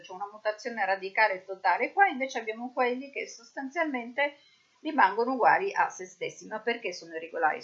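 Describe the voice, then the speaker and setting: A woman's voice: medium pitch, fairly bright tone, slightly rough, highs cut off. A woman with an Italian accent teaching English verbs, drilling each form methodically. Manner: slow, methodical drilling of verb forms. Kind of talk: recorded grammar lesson.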